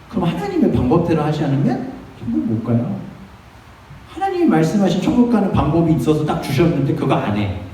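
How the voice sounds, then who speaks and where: A man preaching a sermon as a pastor, earnest and building to forceful exhortation. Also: medium pitch. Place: church sanctuary. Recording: echoey church hall from a distance.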